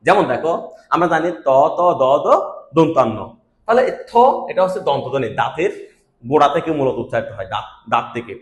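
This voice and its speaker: A man's voice: medium pitch, expressive, a little fast. Man teaching a lesson in an echoey room. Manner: explains step by step, repeats key words, gives everyday examples. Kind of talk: classroom lecture.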